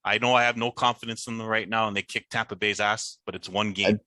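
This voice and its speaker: A man hosting a casual sports picks podcast, talking in an animated way with a lot of teasing trash talk. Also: lowish voice, quick pace, dry recording. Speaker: podcast host.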